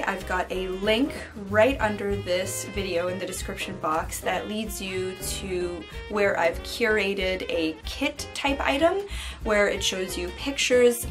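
A woman in her thirties hosts a craft tutorial in a chatty, informal way. Her voice sits at an average pitch for a woman, and music plays behind her as she explains. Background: background music.

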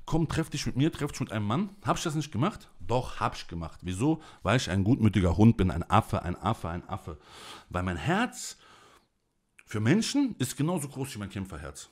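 A man delivering an angry, emotional monologue to camera, ranting in blunt, coarse language. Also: mid-range voice. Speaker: vlogger.

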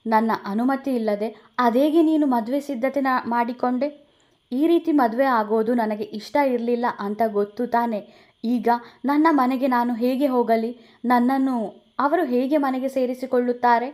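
A woman's voice: a little high, moderate pace, a little mellow, close to an everyday voice. A woman voicing a young bride who is crying and bitterly reproachful. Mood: tearful. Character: young woman, tearful, angry new bride.

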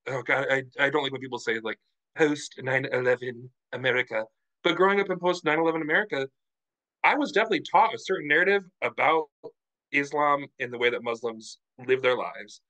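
A man's voice: mid-range voice, fairly quick, poor audio. A man speaking frankly and animatedly in a casual book club discussion over a video call. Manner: animated, frank, lots of fillers.

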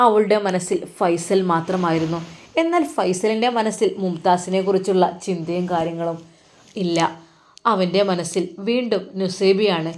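A woman with a Malabar Malayalam accent narrating a story slowly and dramatically. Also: medium pitch.

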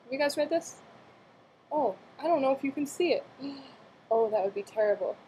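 A young woman's voice, sitting high, animated, and mellow, moves at a moderate pace as she reads a picture book to small relatives. She keeps it playful with chatty questions and exclamations. The webcam mic at arm's length yields a low-quality recording with slight background noise.

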